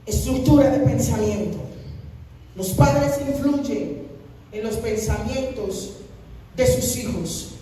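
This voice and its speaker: Predicadora de voz aguda en una sala con eco. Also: female voice, a little high, slow pace, pauses often, warm tone, slight background noise. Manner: emphatic preaching, breaks into sung phrases. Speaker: pastor. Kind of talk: sermon. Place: church hall. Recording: echoey hall, mic at a distance.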